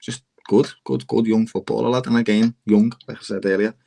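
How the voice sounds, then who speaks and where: A young Liverpool fan with a Scouse accent argues passionately on a football podcast, his fairly low voice quick and edged with vocal fry. Animated throughout, he keeps calling everyone "lad" in the casual debate.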